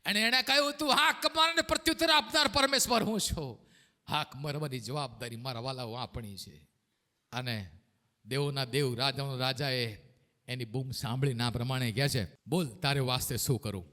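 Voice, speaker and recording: A male pastor preaching a sermon, swinging between shouted lines and hushed low ones. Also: moderate pace, long reverb tail.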